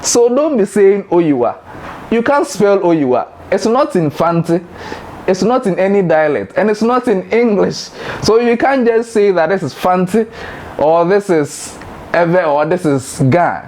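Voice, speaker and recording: A man with a Ghanaian accent hosting a light educational talk, playful and laughing, jumping into high mock voices. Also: lively intonation, a little slow, darkish tone, slight background noise. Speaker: host.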